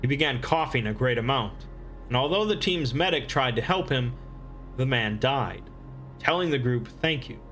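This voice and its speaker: A man reading scripted explainer narration in a measured, expository manner. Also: medium pitch, animated, fairly bright tone, faint music behind.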